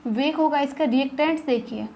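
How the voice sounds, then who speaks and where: A young woman with a high voice teaches an online chemistry lesson. She works through each problem step by step. She keeps asking her students rhetorical questions and reassures them. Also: a little fast, mellow, slight background noise. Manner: addresses students as kids, reassuring.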